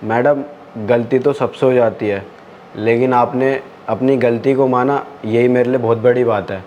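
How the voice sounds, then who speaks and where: A man's voice: mid-range voice, steady tone, moderate pace, darkish tone, muffled recording, slight background noise, natural voice. A man playing a humble young driver who pleads politely with his employer. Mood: pleading. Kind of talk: amateur web drama acting.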